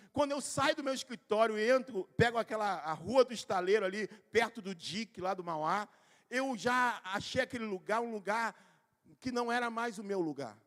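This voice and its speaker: Male pastor, high voice, chatty storytelling sermon with shouted peaks, long church-hall reverb. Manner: conversational, addresses listeners by name; builds to shouted emphasis. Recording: long hall reverb, live-streamed service.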